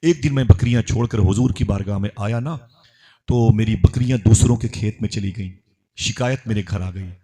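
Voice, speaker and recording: A man's voice: lowish voice, normal speed, warm tone. A male preacher telling a story in an impassioned sermon, chanting verses in a rhythm and urging the crowd to respond.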